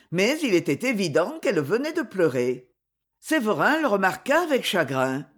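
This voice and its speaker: Expressive woman reading a novel. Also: mid-range voice, husky. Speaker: audiobook narrator. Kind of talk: scripted narration.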